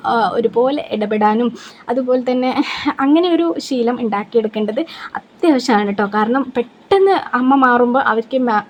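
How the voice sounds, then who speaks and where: Young woman, mother vlogger, higher pitch, chatty earnest advice. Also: muffled recording, slight background noise. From Kerala, India. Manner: earnest, repeats herself, fillers and restarts. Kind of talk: casual advice to the camera.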